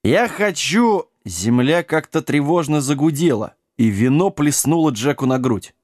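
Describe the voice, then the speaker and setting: A man reading a comic fantasy story aloud in an expressive way. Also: medium pitch, normal speed, no room sound, clean studio sound.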